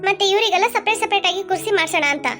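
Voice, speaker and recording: A woman voicing a brisk, fussy school principal in a cartoon, giving orders to a teacher. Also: very high voice, fairly bright tone. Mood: instructing. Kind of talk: cartoon voice acting. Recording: light children's music behind.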